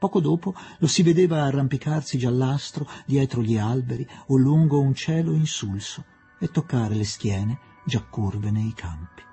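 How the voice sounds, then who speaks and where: A man's voice: medium pitch, expressive, normal speed, warm tone, breathy edge, soft background music. A man reading a novel aloud as an audiobook narrator, with a dramatic, varied delivery. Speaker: audiobook reader. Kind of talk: expressive literary narration.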